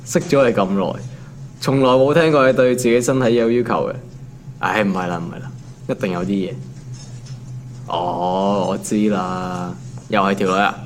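In a naturalistic audio drama, a twenty-something male office worker, ordinary, teasing and put-upon, is played by an actor with a Hong Kong accent. He speaks at normal speed in a fairly low, fairly even voice, leaving long pauses, wry and colloquial in a casual mood. The voice sounds natural, with slight background noise.

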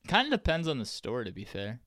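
A young man co-hosting a podcast in casual chat, joking around and breaking into shouted bits. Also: mid-range voice, wildly swooping pitch, fairly quick, no room sound, clean studio sound. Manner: joking, bursts into shouted impressions. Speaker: podcast co-host.

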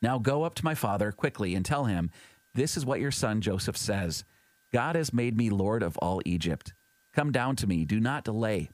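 Low-voiced man reading scripture. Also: animated, normal speed, dry recording. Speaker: scripture reader. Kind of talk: steady scripted Bible reading.

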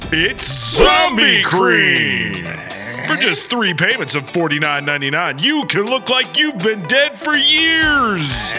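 An actor playing an over-the-top male commercial pitchman, hard-selling with exaggerated shouting. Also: full character voice. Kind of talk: parody commercial.

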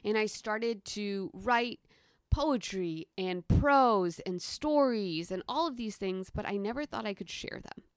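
Young woman, podcast guest; casual, animated storyteller, mid-range pitch, acts out the quotes, dry recording. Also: unhurried, clean tone, no room sound.

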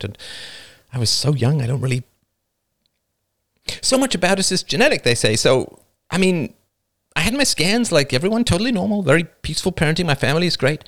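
A man's voice: on the high side, creaky, pitched above the performer's own voice, full character voice. A man voicing a spirited, punchy teenage girl. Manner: animated, laughing, self-mocking. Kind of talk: audiobook reading.

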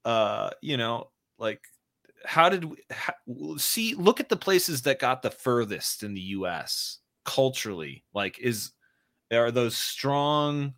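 A man co-hosting a podcast, talking in a loose, excitable, rambling way. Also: mid-range voice, slow, no echo, clean studio sound. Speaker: podcast co-host. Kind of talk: casual chat.

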